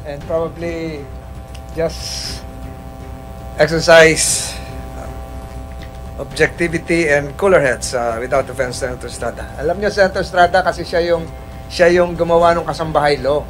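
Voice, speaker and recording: A man's voice: fairly high pitch, fairly even intonation, a little slow, pauses often, faint music behind, low-quality recording. A man chairing a hearing, speaking formally with frequent hesitations. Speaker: committee chair. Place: legislative hearing room.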